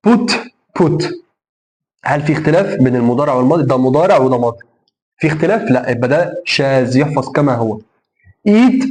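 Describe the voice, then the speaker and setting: Egyptian man teaching grammar, answers his own questions. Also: mid-range voice. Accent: Egyptian Arabic. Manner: repeats rules and asks himself questions like tamam? then answers. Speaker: English teacher. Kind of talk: grammar lesson for middle school students.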